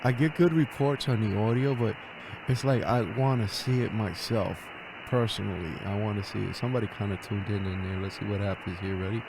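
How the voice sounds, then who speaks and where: This amateur radio operator speaks briskly, his fairly low voice carrying vocal fry, while noise runs in the background. He mixes casual chat with radio calls in the phonetic alphabet.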